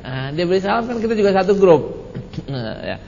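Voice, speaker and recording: Male religious teacher, casual joking delivery, higher voice, muffled echoey hall recording. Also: big pitch swings, moderate pace, gravelly, darkish tone, slight background noise. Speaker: Islamic study teacher. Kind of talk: religious study talk answering questions.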